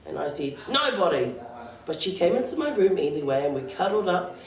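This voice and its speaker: Expressive woman reading a picture book. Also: low-pitched, fast. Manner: expressive, sing-song storytelling. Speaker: library storyteller. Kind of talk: picture-book read-aloud. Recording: roomy, distant library recording.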